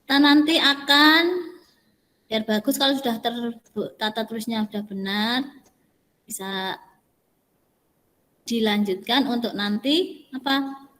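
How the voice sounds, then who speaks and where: A woman teacher speaks slowly and patiently to her online class, often modelling how words should sound. Her voice is somewhat high. A long reverb trails after her words. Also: sharp tone. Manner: patient, explains step by step, models intonation. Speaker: Indonesian language teacher.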